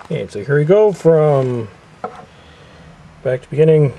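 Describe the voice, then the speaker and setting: A man giving a casual walkthrough of his collection, chatty, drawing out each title slowly. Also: a little high, lively intonation, dark tone, slight background noise, rough recording. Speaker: collector showing his shelf.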